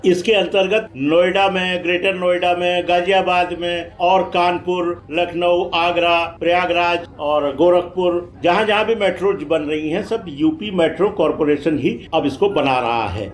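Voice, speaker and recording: A man's voice: high voice, unhurried, hardly any pauses. A man giving informative travel vlog commentary, explaining things directly to viewers. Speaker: vlog host. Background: faint metro train ambience.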